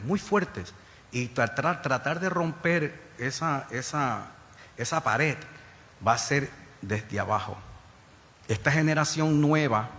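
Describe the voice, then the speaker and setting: A middle-aged man from the Bronx, a former federal agent, giving earnest public testimony to a panel with many repeated starts. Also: mid-range voice. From New York, Bronx. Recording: hall reverb with faint ambience.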